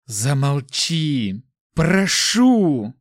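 A man's voice: medium pitch, moderate pace, dry recording, lightly acted. Man as a cold, clipped young hunter in a storybook, dry delivery. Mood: desperate. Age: young adult. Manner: curt, flat, cold. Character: bitter young male hunter, curt and cold.

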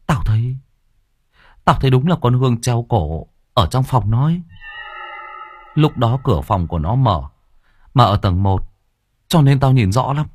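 A man's voice: mid-range voice, big pitch swings, a little slow, pauses often, breathy edge, no echo, pitched above the performer's own voice. Man voicing a stammering, scared burly teen boy. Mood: frightened. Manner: stammering, hushed. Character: big burly teenage boy, nervous and scared. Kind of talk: audiobook character voice.

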